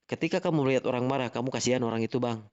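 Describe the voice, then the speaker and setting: Heated and angry, this live-stream voice chat participant lectures in an Indonesian accent and keeps repeating himself, leaning on "gitu loh." He speaks rapid-fire in a mid-range, slightly mellow, smooth voice, captured on dull audio.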